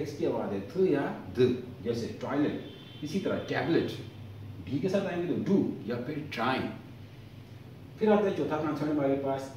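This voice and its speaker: A man with a dark, mellow voice teaches the alphabet step by step, asking a question and then answering it himself. He stretches each example word slowly as he repeats it. He sounds set back from the mic in a very echoey room with a faint hiss. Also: medium pitch. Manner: slow, drawn-out repetition of example words. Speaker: language teacher. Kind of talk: explaining the alphabet. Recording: echoey, from far off, faint noise.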